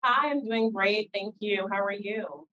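A woman's voice: medium pitch, a little slow, sharp tone. A woman answering interview questions as a guest in a conversational way, recorded with dull, lo-fi call audio. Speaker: interview guest, organization founder.

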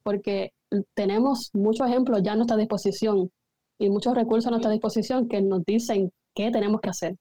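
Animated woman retelling a story, mellow voice. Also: mid-range voice, brisk, no room sound. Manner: animated storyteller who acts out quoted lines. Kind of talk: casual faith discussion.

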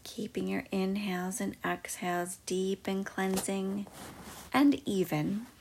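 A woman guiding a meditation in a soft, slow, mostly whispered voice. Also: mid-range voice, steady tone, vocal fry, slight background noise, rough recording. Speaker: meditation guide. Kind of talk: guided meditation.

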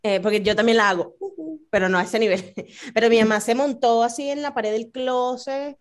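A woman's voice: fairly high pitch, fairly even intonation, normal speed. Chatty young woman co-hosting a podcast. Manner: chatty storyteller, peppered with slang and laughs. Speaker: podcast co-host. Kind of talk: casual chat.

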